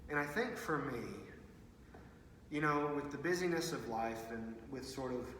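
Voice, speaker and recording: A man's voice: medium pitch, fairly bright tone. Man in a very echoey empty hall. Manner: earnest, halting, with repeated words. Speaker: youth pastor. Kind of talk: informal video message to parents. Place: large empty student ministry room with stage. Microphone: far from the speaker. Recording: very echoey hall, distant mic, faint noise.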